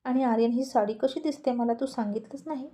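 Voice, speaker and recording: A woman's voice: on the high side, fairly quick, mellow, lightly acted. A woman reading as a coaxing young wife. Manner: pleading, coaxing.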